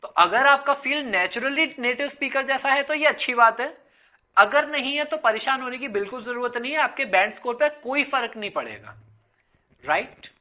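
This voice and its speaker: A man's voice: very high-pitched, lively intonation, moderate pace, sharp tone. A male English exam teacher giving a casual online lesson, chatty, slipping English words into his Hindi and calling viewers "son". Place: in Hyderabad.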